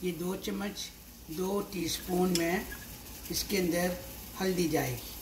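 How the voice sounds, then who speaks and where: Speaking slowly in a lowish, steady voice, a woman in her sixties with a Pakistani accent walks through a recipe as she cooks at her home stove. The home cook and show host talks unscripted and often says things twice. The recording is very noisy, with an echoey kitchen full of loud sizzling, stirring, and clinking pots and dishes.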